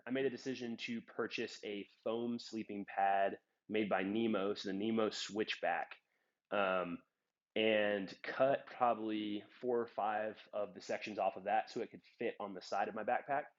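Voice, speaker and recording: The recording is muffled: a young hiking vlogger, filmed on a phone clipped to a trekking pole in a trail town, talks casually about his gear. He's relaxed and rambling, full of ums, with a lowish, slightly stuffed-up voice.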